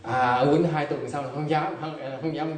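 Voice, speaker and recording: A man's voice: on the high side, steady tone, a little slow. A man giving a dharma talk as a Buddhist meditation teacher, telling jokey anecdotes. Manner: joking, anecdotal storytelling. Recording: echoey hall, distant mic, faint hiss.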